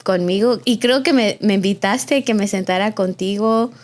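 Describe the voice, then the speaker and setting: At a normal speed and medium pitch, a woman in her early twenties hosts an interview podcast in a chatty, effusive way, dropping in an English filler word now and then. She is from Austin, Texas, and her family is Mexican.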